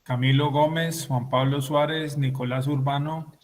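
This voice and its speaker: A man's voice: mid-range voice, fairly even intonation, measured pace. Teacher guy on a class call, short lines, bit of noise behind. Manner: brief, calls roll. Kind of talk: running an online class. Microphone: video call.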